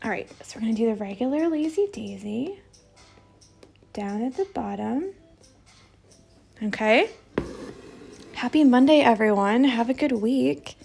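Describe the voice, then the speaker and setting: A woman's voice: fairly high pitch, gravelly, darkish tone. A woman teaching an embroidery stitch in a casual, chatty livestream, filling her sentences with "like". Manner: chatty, lots of "like" fillers.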